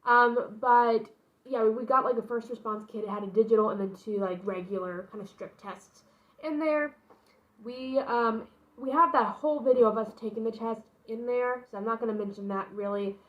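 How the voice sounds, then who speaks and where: A young woman with a fairly high voice shares her pregnancy news in a casual personal vlog. She rambles through the story, breaking off for asides as she talks to her viewers. The recording is slightly dull and lo-fi. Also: normal speed. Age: young adult. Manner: announcing her pregnancy, recounting it informally. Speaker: vlogger.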